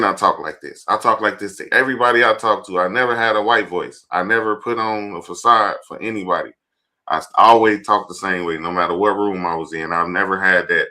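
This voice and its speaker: Male co-host, blunt and emphatic, bright edgy tone. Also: deep voice. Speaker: podcast co-host. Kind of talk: casual chat.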